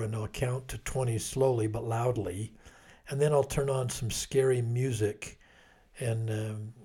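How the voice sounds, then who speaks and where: A man's voice: mid-range voice, warm tone, husky. An older man, a grandfather, chatting casually with his wife, laughing often and restarting sentences. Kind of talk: casual chat.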